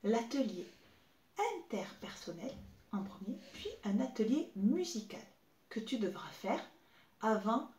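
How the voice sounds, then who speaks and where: A woman in her thirties teaching young children remotely, spelling out syllables slowly and clearly as she claps. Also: fairly high pitch, lively intonation, darkish tone. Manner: slow, clear, exaggerated syllable clapping. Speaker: preschool teacher. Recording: echoey room with faint noise.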